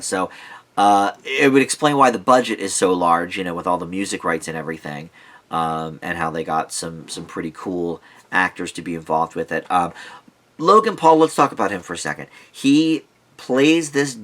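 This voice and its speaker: Low-voiced man casually reviewing films. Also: fairly bright tone. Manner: conversational, digressive, thinking aloud. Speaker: film reviewer. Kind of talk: casual rambling movie review.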